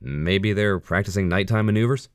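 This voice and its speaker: A man voicing an edgy male army lieutenant on a night watch in an audiobook, with quick remarks. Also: deep voice, no room sound, clean studio sound, pitched above the performer's own voice, lightly acted.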